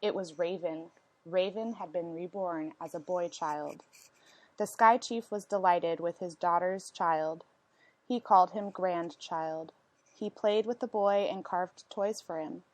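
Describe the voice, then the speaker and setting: A woman's voice: on the low side, measured pace, darkish tone, dry recording. Woman reading a picture book aloud, dry sound. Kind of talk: storybook read-aloud narration with questions to listeners.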